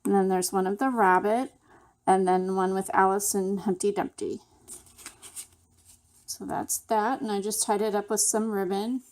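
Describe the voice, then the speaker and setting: A woman talks through her handmade craft project at a leisurely, unhurried pace. Her voice sits at an ordinary middle pitch. Her delivery is relaxed and chatty, a casual step-by-step show-and-tell. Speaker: craft channel host.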